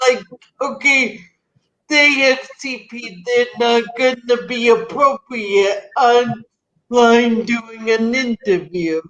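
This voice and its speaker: A woman with a high voice speaks slowly and earnestly in a casual conversation. The recording is dull and lo-fi, with the top end missing. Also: a bit bright.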